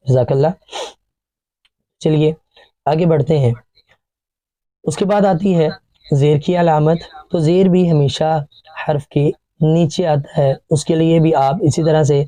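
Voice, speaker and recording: A man with a Pakistani Urdu accent teaching Quran reading in an online class, sounding out each syllable slowly and repeating it. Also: fairly high pitch, warm tone, no room sound, poor audio.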